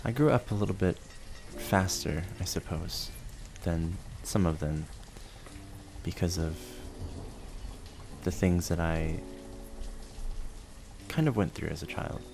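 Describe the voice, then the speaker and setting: A man rambling softly and sleepily, musing gently and without hurry in short phrases as he hosts. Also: low voice, slow, gravelly, pauses often, a little hiss or hum. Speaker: host of a relaxed rambling show. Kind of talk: soft sleepy rambling, narrating a town-building game.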